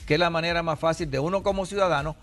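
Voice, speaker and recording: A man's voice: a little high, racing, a bit bright. A Puerto Rican man in his sixties, an immigration adviser on a TV interview, explaining patiently with examples. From Puerto Rico.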